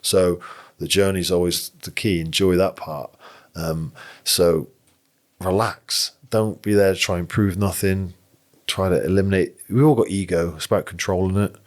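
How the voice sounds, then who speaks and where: Deep-voiced blunt man in his forties. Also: steady tone, moderate pace. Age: 40s. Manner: blunt and swearing, frank advice. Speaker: jiu-jitsu coach. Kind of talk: casual podcast chat.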